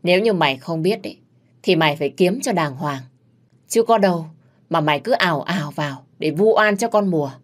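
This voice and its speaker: A woman's voice: lowish voice, lively intonation, brisk. A woman voicing a stern older male gardener who reproves a servant. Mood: reproving.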